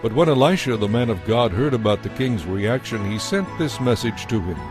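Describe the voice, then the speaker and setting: A man with a medium-pitched, expressive voice narrates a scripted, dramatized audio Bible at a brisk clip. Faint music plays behind him, and he is captured close on a dry studio mic.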